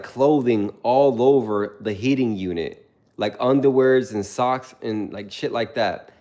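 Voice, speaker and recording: Young man telling stories on a livestream. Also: medium pitch. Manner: animated storytelling, reads chat aloud. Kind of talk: casual livestream chat.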